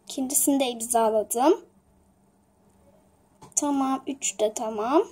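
An anxious young office worker, played by a woman, in a homemade toy drama. The voice sits very high and squeaky. She grows frantic and tearful when things go wrong. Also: unhurried, darkish tone, breathy edge. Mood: calm. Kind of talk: toy-figure home drama.

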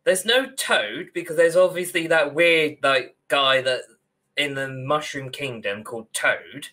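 A young adult man co-hosts a podcast from a room over a video call, giving a casual, opinionated discussion of films and games that tips into ranting. His voice is a little high with a sharp tone, and he keeps a measured pace.

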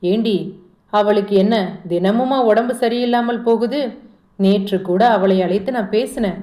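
A woman voicing an angry, suspicious middle-aged mother who shouts and accuses her daughter in a told story. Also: mid-range voice, moderate pace, lightly acted. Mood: angry scolding. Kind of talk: storytelling dialogue. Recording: echoey room.

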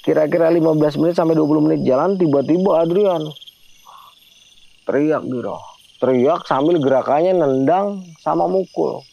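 A man's voice: a little high, normal speed, vocal fry, muffled recording. A man telling a hiking horror story in casual slang, often turning to address his listener by name. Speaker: storyteller guest.

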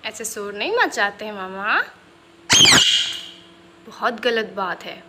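A woman's voice: mid-range voice, expressive, slow. A woman talking to her pet parrot, scolding it playfully and asking the same questions over and over. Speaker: pet owner. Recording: loud background noise.

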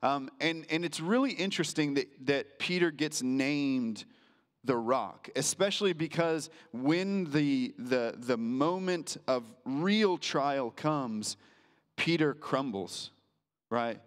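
A man's voice: fairly high pitch, animated, slow, big-room sound. A man preaching as a pastor in a casual, conversational way, full of fillers and restarts. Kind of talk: sermon.

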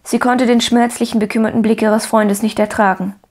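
A woman narrating a children's storybook in a calm, measured way. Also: a little high, husky. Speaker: audiobook narrator. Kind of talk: scripted narration.

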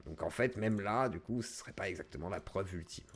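A man's voice: sits low, a little fast, soft background music. A man hosting a livestream, talking casually and animatedly, often acting out little scenes. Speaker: livestream host. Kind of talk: casual livestream debate talk.

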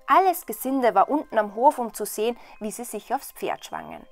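A woman storyteller reading a fairy tale in a lively, expressive way. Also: a little high, normal speed, gravelly. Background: soft waltz music.

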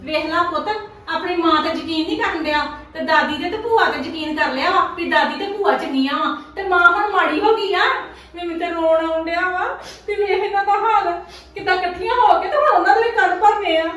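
Woman playing scheming Punjabi aunty, Punjabi accent, high voice, dramatic scolding and lamenting, family skit, very echoey room. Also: fairly quick, fairly bright tone. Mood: indignant, aggrieved. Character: scheming, aggrieved Punjabi mother and daughter-in-law, aunty type. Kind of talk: amateur family skit acting. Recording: very echoey room, distant microphone.

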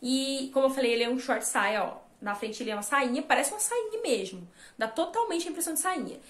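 A woman's voice: high-pitched, lively intonation, quick pace. Chatty woman showing off clothes. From Brazil. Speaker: fashion vlogger. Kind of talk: casual shopping haul chat. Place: small bright room at home, indoors. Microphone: camera at a short distance, then phone held at a mirror.

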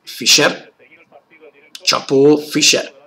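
A man giving live football commentary on an old 1980s television broadcast, excited and rising to shouts at key moments. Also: a little high, vocal fry, poor audio.

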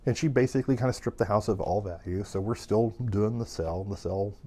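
A man with a somewhat low voice tells a rambling anecdote about his work. He keeps it animated and casual, filling gaps with easy fillers. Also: fast. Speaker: estate sale business owner. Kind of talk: casual storytelling.

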